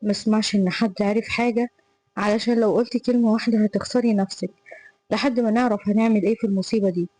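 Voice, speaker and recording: A woman's voice: mid-range voice, steady tone, fast talker, mellow, close to an everyday voice, rough recording. A woman reading a scornful male tutor with an Egyptian accent. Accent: Egyptian Arabic. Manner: harsh, contemptuous, threatening.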